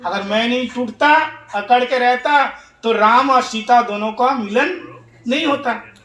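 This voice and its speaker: A man's voice: very high-pitched, measured pace, pushed and bright, roomy sound, full character voice. A man voicing a talking bow, humble, devoted and earnest. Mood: content.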